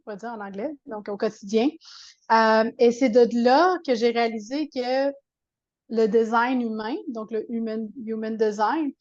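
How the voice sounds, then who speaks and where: A coach from Quebec with a Québécois French accent chats as an interview guest, her casual talk full of fillers and restarts. Her voice is a little high with a darkish tone, and the recording sounds muffled.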